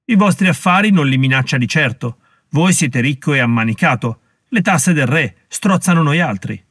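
A man voicing a hot-headed, defiant working man who shouts back at authority in an audiobook reading. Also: a little high, expressive, moderate pace, husky, dry recording, clean studio sound.

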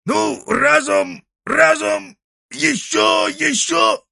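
A man voicing a grumbling old grandfather who digs for treasure and talks to himself in a gruff, exclaiming way. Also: on the high side, very animated, unhurried, a bit bright, dry recording, clean studio sound, pitched above the performer's own voice, heavily acted.

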